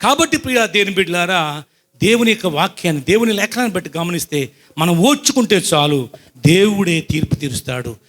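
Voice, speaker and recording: A man preaching a sermon, telling a personal story to his congregation and often checking that they understand, swinging between loud outbursts and soft asides. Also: sits high, lively intonation, brisk.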